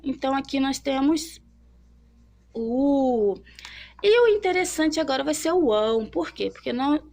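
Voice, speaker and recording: A young woman teaching a children's literacy lesson, drawing as she talks and slowly sounding out syllables, often checking in with the listener. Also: high-pitched, expressive, a little mellow. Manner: checks in often with tag questions.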